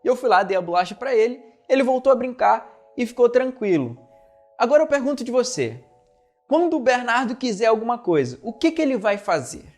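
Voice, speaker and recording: A man's voice: extremely high pitch, very animated, fairly quick, darkish tone. A man coaching in neurolinguistic programming gives an online lesson through personal stories, speaking straight to the listener and acting out the dialogue. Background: faint background music.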